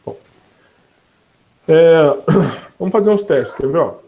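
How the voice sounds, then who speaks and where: A man with a Brazilian Portuguese accent giving a casual online lesson, talking in a relaxed, chatty way with laughs and self-corrections. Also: on the high side, takes it slowly, low-quality recording. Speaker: instructor demonstrating a voice assistant.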